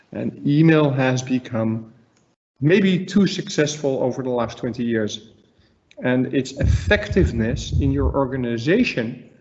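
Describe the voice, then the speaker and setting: A man's voice: mid-range voice, a little mellow. A middle-aged man with a Dutch accent gives a conversational slide presentation as a trainer, emphatic and repeating words for stress. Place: living room at home. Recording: slightly dull webinar audio.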